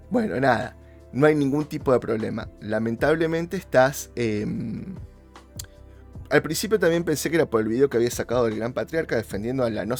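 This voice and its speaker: Argentine-accented man vlogging to viewers. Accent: Rioplatense Spanish. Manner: talks straight to viewers, persuasive, pitch jumps up for emphasis. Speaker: YouTuber host. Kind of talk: casual monologue to viewers.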